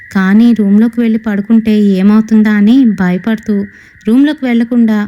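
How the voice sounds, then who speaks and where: A young woman narrating a first-person horror story in a steady storytelling way, speaking the other people's lines herself. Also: fairly high pitch. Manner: steady storytelling with quoted dialogue.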